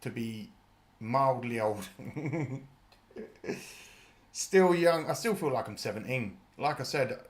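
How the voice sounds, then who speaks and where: A man's voice: mid-range voice, expressive, takes it slowly, long pauses. Brief: a casual British streamer in his thirties with a mid-range voice, loose and jokey, swears freely. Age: 30s. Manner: chatty and jokey, laughs often, swears casually. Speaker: streamer hosting a watch party. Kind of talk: live reaction chat.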